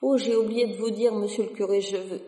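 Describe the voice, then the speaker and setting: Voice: mid-range voice, fairly even intonation, a little fast, dark tone, recorded from a distance, lightly acted. A storyteller voicing a bumbling male church sexton who apologizes and pleads breathlessly, with faint music in an echoing room. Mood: apologetic.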